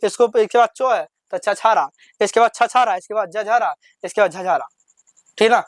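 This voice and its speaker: Man, high voice, alphabet lesson, patient, repetitive, dry sound. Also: moderate pace, dry recording. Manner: patient, repetitive, drawing out each syllable when reciting. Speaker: teacher.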